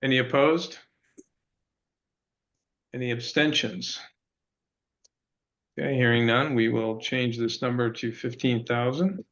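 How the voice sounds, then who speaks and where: A man's voice: mid-range voice, takes it slowly, long pauses, fairly bright tone, highs cut off. A man chairing a town budget meeting over a conference call line that breaks up, talking with a hesitant manner and many fillers. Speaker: board chair. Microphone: speakerphone on a call.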